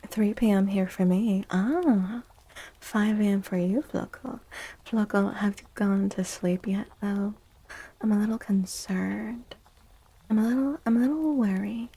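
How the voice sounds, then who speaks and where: Speaking slowly in a soft, breathy, mellow voice of medium pitch, a woman hosts an ASMR livestream and often slips into whispers. She chats affectionately with her listeners in a gentle, playful, cutesy way.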